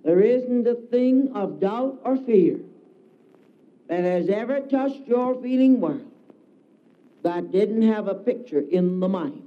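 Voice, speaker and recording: A man giving a solemn devotional address, declaiming slowly with emphatic repetition, heard on a dull lo-fi recording. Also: sits high, lively intonation. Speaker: spiritual speaker.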